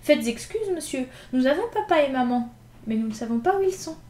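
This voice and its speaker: A woman's voice: high voice, lively intonation, a little fast, darkish tone, pitched above the performer's own voice. A woman voicing a timid, polite small boy of about seven who speaks plaintively. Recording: echoey room.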